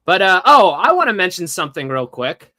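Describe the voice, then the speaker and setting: A man's voice: high-pitched, big pitch swings, a little fast, pushed and bright, dry recording. A man hosting a casual podcast chat, ranting with lots of swearing and mimicking people. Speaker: podcast host.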